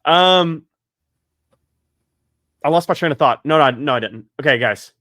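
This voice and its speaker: A man hosting a casual sports podcast, joking and excitable, rattling off long lists. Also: a little high, unhurried, dry recording, clean studio sound. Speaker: podcast host.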